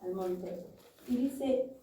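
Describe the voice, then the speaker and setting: A woman's voice: fairly high pitch, very slow, mellow, a little hiss or hum. A woman preaching a sermon, earnestly telling a personal story and reading scripture. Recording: echoey room, voice from a distance.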